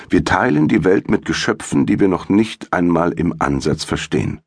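Reading a first-person audiobook, a man with an extremely deep, slightly husky voice delivers the narration with measured drama. The sound is close and dry, free of any echo or room sound.

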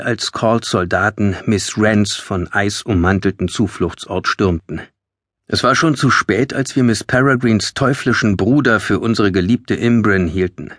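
Husky low male audiobook narrator. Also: fairly bright tone, dry recording, clean studio sound. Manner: tense, measured storytelling. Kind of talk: scripted first-person audiobook narration. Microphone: close studio mic.

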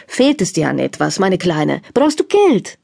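A woman voicing a hot-tempered older Italian father who owns a restaurant, speaking broken German with an Italian accent and loud outbursts. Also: fairly low pitch, big pitch swings, a little slow, creaky, full character voice. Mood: coaxing.

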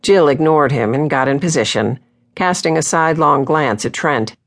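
A woman's voice: low voice, lively intonation, normal speed. Woman narrating a romance audiobook.

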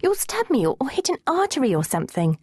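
A woman's voice: mid-range voice, big pitch swings, a little fast, darkish tone, husky, no echo, clean studio sound. A woman narrator voicing a squeamish, dramatic teenage girl who protests and pleads in a whiny manner. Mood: pleading.

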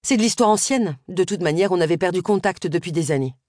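A woman voicing a sharp-tongued, prickly retired woman in an audiobook, with curt, tart replies. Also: lowish voice, lively intonation, fast talker, no room sound, clean studio sound, natural voice.

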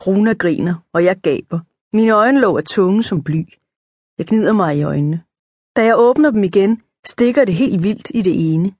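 Kvinde der læser børnebog op, tørt optaget. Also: female voice, medium pitch, no echo, studio quality. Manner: lively, lifts her voice for the girls' dialogue. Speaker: audiobook narrator. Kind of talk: first-person children's story reading.

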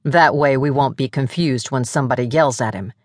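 A woman's voice: very deep voice, fairly quick, no echo, voice pushed down. A woman narrator voicing a laid-back young man with a dry, teasing manner.

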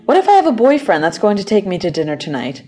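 A woman's voice: lowish voice, animated, normal speed, warm tone, close to an everyday voice. A woman voicing a reluctant young female office worker who answers politely but on guard. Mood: irritated. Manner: polite, then defensive.

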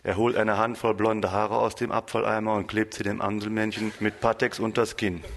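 A man's voice: fairly low pitch, little pitch movement, moderate pace. A man reading his own humorous story aloud in a dry, amused way for an audiobook.

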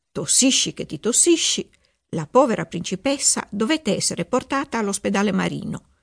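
Casting: woman author reading a kids' story, animated, a little creaky. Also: fairly low pitch. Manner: playful, expressive storytelling. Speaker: author reading her own book. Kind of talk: children's audiobook narration.

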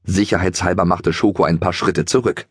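Low, husky, animated male narrator. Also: brisk, dry recording, studio quality. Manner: animated, expressive storytelling. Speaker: audiobook narrator. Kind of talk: lively children's audiobook narration.

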